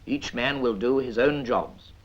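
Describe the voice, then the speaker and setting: A British man with a mid-range voice reads scripted narration for a 1950s military training film, measured and instructive with dry asides. The recording has the dull sound of a vintage 1950s film soundtrack.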